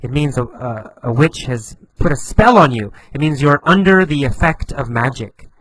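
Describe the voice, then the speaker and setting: Patient man explaining words slowly. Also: mid-range voice, no echo, poor audio. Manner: slow, patient, repetitive explanations with lively emphasis. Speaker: English teacher. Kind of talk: explaining vocabulary.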